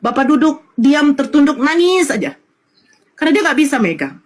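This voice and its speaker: A woman's voice: sits high, very animated, moderate pace, low-quality recording. A woman telling her own conversion story in an emotional, tearful way. She repeats her phrases and quotes prayers and relatives as she speaks. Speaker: convert sharing her testimony.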